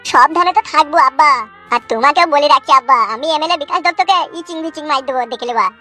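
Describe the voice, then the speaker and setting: A fiery young village man voiced by a woman in a comic cartoon. He rattles off crude, swearing rants at breakneck speed. The voice is bright and high for a man. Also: fast talker, soft background music. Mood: pleading. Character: hot-headed young village man vowing revenge.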